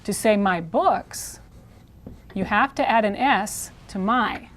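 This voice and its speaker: Woman teaching Spanish slowly and clearly. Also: mid-range voice, fairly bright tone, a little hiss or hum. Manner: slow, clear modeling of words, repeating each twice. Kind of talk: video language lesson.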